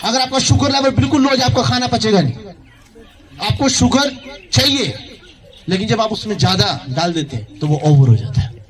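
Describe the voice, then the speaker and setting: A man's voice: high voice, expressive, normal speed. A male pastor preaching a sermon, asking the congregation questions and calling out hallelujah and thank you Jesus. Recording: loud background noise.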